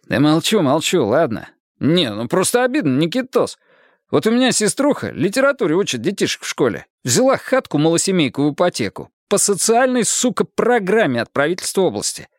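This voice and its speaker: Man as hot-headed cop sergeant, rough talker, pitched up, animated. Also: fairly quick, no echo, clean studio sound. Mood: grumbling. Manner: rough, swearing, blunt. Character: coarse blunt male police duty sergeant, hot-tempered.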